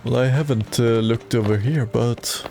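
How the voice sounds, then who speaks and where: A man's voice: medium pitch, normal speed, gravelly, warm tone, faint music behind. A man streaming a video game and reading its dialogue aloud in a plain way, with occasional stumbles.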